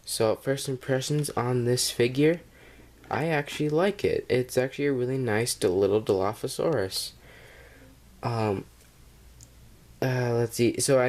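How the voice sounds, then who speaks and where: A fairly low-voiced man with a cold talks through a toy review at home. He rambles and hesitates, filling gaps with ums and uhs, and is picked up on a camera mic. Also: darkish tone. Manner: rambling and hesitant, with many fillers. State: has a cold. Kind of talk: casual toy review vlog.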